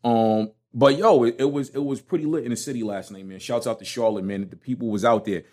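Speaking fairly quickly in a mid-range, slightly mellow voice, this solo podcast host from Brooklyn, New York talks with a local Brooklyn accent. He keeps things casual, conversational, slangy and emphatic.

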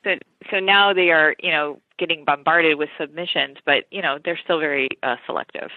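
Woman, author guest, low voice, dry tinny phone line, chatty with fillers. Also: steady tone, fairly quick, no echo. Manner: chatty, with many fillers and restarts. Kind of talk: casual interview talk.

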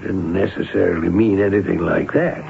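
A man's voice: low voice, moderate pace, creaky. An actor playing a neighbor man who watches and reports what he sees, in an old radio drama. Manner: observant, describing what he sees. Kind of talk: 1940s radio acting. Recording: noisy, tinny old radio recording.

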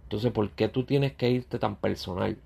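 A man, a YouTuber talking bluntly and confrontationally straight at his critics in a ranting monologue, with a gravelly, husky voice. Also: on the low side, moderate pace, a little mellow.

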